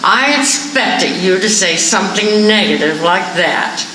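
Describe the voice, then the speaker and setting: A woman's voice: medium pitch, animated, measured pace, sharp tone, slight background noise. A woman voicing a sarcastic, defensive grown daughter in a read-aloud short story, in an echoey room far from the mic.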